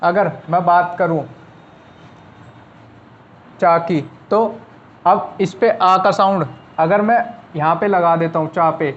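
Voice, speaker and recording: Male shorthand tutor, patient and repetitive, fairly high voice, lo-fi classroom recording. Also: steady tone, takes it slowly, pauses often. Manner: patient, repeats rules step by step. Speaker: shorthand teacher. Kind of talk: classroom lesson explaining at a board. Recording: slightly dull lo-fi recording with faint noise.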